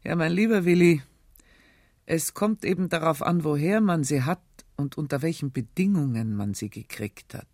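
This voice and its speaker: A woman reading aloud as a weary older man, an uncle who refuses help in a low, heavy, resigned way. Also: expressive, normal speed, a little mellow, no echo, clean studio sound. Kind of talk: literary reading on radio.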